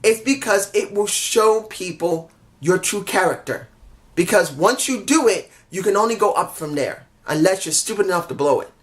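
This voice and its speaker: High-pitched and lively in intonation, this man speaks at a moderate pace as he reviews a wrestling show alone. He has a stuffy head cold and is under the weather, so his casual review rambles, with constant self-corrections, apologies for mix-ups, and frustrated grumbling.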